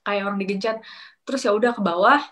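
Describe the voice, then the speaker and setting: A young woman casually telling a personal story, chatty and animated, acting out what others said. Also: mid-range voice, quick pace. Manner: animated, acts out quoted coworkers with sharp rises; chatty, many fillers and restarts, slangy. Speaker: storyteller sharing a work experience. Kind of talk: casual chat, confiding story.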